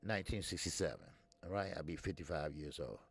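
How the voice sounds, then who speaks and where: A man's voice: extremely low pitch, big pitch swings, fairly quick, gravelly, husky. A man in his fifties hosting a casual boxing talk stream, blunt and talkative, answering viewers' comments as he goes. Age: 50s. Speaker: boxing show host.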